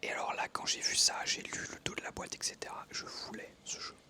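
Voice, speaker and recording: This is a young Frenchman in his 20s, an ASMR creator, softly whispering laid-back tales as he plays a game. The unvoiced whisper drifts along with frequent pauses and fillers.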